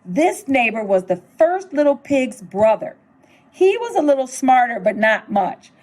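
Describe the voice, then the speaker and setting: A woman's voice: high-pitched, unhurried. A middle-aged woman reading a children's storybook aloud, telling it expressively in the wolf's own words. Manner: expressive storytelling, narrating as the wolf. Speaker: school superintendent reading aloud.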